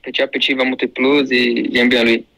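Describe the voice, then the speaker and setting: Bright-voiced male guest, simple phrasing. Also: medium pitch, flat delivery, a little fast, vocal fry, rough recording. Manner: short simple sentences, non-native phrasing. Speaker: guest player. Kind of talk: casual interview answers.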